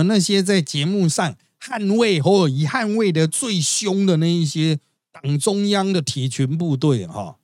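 A man's voice: fairly high pitch, no room sound, studio quality. A man with a Taiwanese Mandarin accent hosting a podcast, giving chatty, gossipy, wry political commentary. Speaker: podcast host.

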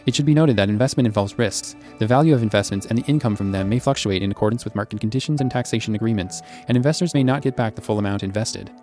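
A man reading a legal disclaimer in a rapid, flat delivery. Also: lowish voice, faint music behind. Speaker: disclaimer announcer.

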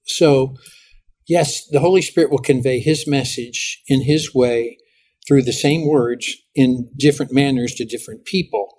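A middle-aged man, a pastor, talking as a guest in a podcast interview and telling lively stories with frequent restarts. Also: mid-range voice, unhurried. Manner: animated storytelling with lots of restarts.

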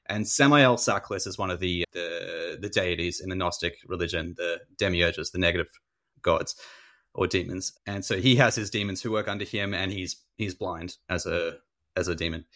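Chatty man, animated. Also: low voice, normal speed. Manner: animated, rambling with many "like" fillers. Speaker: author guest. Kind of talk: casual interview chat.

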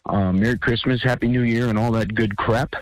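A man's voice: medium pitch, steady tone, brisk, dry recording, rough recording. A man leaving a teasing voicemail message for a radio show, as a caller who corrects the hosts with mock authority. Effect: played-back voicemail message. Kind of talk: casual phoned-in message. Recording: dry voicemail recording.

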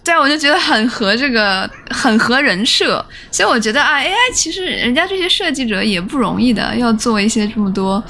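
A female podcast co-host chats about books in a meandering, conversational way. Her voice sits fairly high. She pauses on fillers as she goes. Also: lively intonation, sharp tone. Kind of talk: casual podcast chat.

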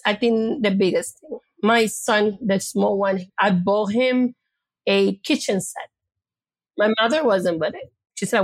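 A woman's voice: on the high side, poor audio. A woman from the Bronx, telling personal stories in an interview, emphatic and repeating phrases for weight. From the Bronx, New York. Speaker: interview guest, mother of young children.

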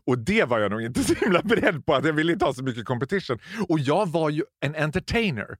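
A man, a former drag queen working in cosmetics retail, chatting in an interview as an animated storyteller who mixes in English phrases. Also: dry recording, studio quality. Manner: animated storyteller, mimics customers in high voices, laughs often. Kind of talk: casual interview chat.

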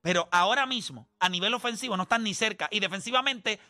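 A man's voice: high-pitched, quick pace, sharp tone. A man, co-hosting a heated sports debate, teasing and talking over the others. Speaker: podcast co-host.

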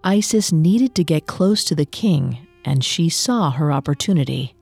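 Mellow-voiced woman narrating a myth. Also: low voice, lively intonation, creaky, husky, faint music behind. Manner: measured storytelling. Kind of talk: scripted narration of mythology.

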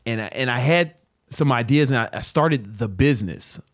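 A man in his thirties, hosting a casual talk ranking business books, swearing freely and telling stories with animated, self-mocking laughs. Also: medium pitch, moderate pace, no echo, studio quality. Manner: profane, loose and streetwise; animated storyteller who laughs at himself.

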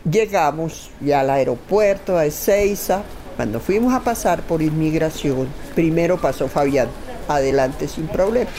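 A middle-aged woman, an interview guest, tells a personal travel story informally and emphatically, acting out conversations she remembers. Her voice is low-pitched and animated, mellow and unhurried.

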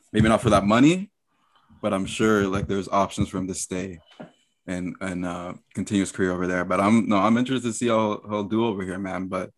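Low flat-voiced male sports podcast host. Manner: enthusiastic, repeats words. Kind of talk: casual sports chat.

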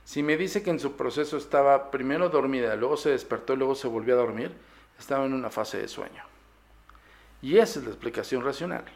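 A man's voice: mid-range voice, fairly quick, vocal fry. A man with a Mexican accent, hosting a paranormal podcast and bluntly lecturing his listeners in a casual monologue. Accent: Mexican Spanish.

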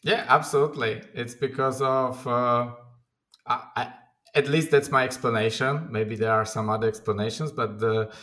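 Man, podcast guest, founder, hesitant, lots of fillers, bright tense voice, from his apartment on a video call. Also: mid-range voice, steady tone, normal speed. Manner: hesitant, many restarts and fillers, laughs easily. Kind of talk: casual interview chat. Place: own apartment.

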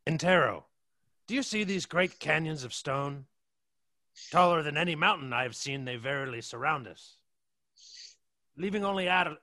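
A man's voice: fairly high pitch, bright, forceful tone, no room sound, full character voice. A man playing a whiny, naive young traveling companion. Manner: whiny, wide-eyed.

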